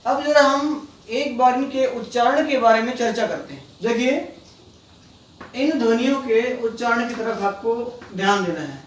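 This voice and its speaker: A man teaching children, talking slowly and patiently and sounding out each letter one at a time. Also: very high-pitched, lively intonation, a little hiss or hum. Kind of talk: slow, deliberate classroom lesson. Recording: echoey room, voice from far off.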